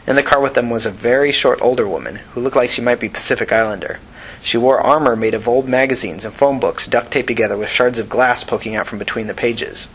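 A man narrating an audiobook in a steady, even reading voice. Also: mid-range voice, fast, breathy edge, rough recording.

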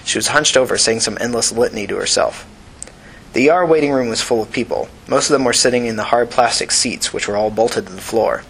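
A man narrating an audiobook in a steady, even reading voice. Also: medium pitch, a little fast, gravelly, a little hiss or hum, low-quality recording.

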